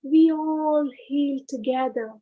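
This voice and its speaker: A woman guides a meditation in a high voice, speaking in short, unhurried phrases separated by pauses. The sound is phone quality.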